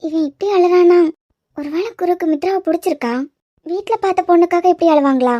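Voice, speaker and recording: A woman's voice: extremely high pitch, brisk, dark tone, no room sound, dull audio. A woman voicing chatty young women in a family cartoon, fussing with gossipy asides, with a Kanyakumari Tamil accent. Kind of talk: cartoon web series voice acting.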